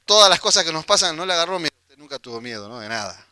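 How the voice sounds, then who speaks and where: A man with a Rioplatense Spanish accent preaches a lively sermon, slipping into the voices of the people in his story. His voice sits high and sounds very bright and forward. The recording is dry, with no room echo. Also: rapid-fire. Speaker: pastor.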